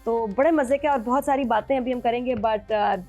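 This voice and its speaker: Playful woman panelist, slightly high. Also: normal speed, darkish tone, muffled recording, faint music behind. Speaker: drama review panelist. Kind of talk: casual panel chat.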